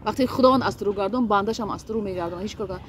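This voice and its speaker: A woman's voice: mid-range voice, slight background noise. A woman, a guest in a casual interview, talking earnestly and hesitantly with many fillers and restarts.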